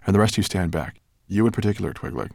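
A calm, thoughtful male dragon, as a narrator puts him on, speaking steadily and earnestly. The voice is low and gravelly, recorded close and dry. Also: racing, dry recording, full character voice.

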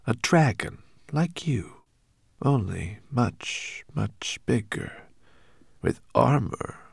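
A man voicing an ancient female sea serpent, sly and amused, with a soft, hissing, sing-song whisper. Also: on the low side, vocal fry, breathy edge, no echo, studio quality, exaggerated voice.

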